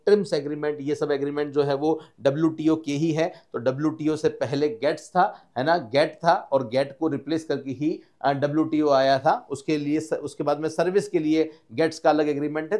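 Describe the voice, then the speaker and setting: A man's voice: fairly high pitch, darkish tone. A man teaching an exam-prep lesson, walking through topics point by point and checking in with students as he explains. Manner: explanatory, lists topics, frequent "है ना" check-ins.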